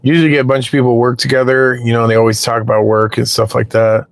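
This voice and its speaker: A man's voice: mid-range voice, level tone, quick pace, gravelly, no room sound, studio quality. A man chatting casually with his live-stream viewers while waiting for rides in his parked car, rambling and swearing freely.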